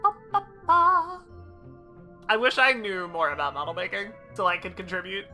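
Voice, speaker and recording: A woman's voice: on the low side, lively intonation, fast talker, pushed and bright, faint music behind. A young woman streamer chatting casually while playing a game and reading chat. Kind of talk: casual gaming livestream chat.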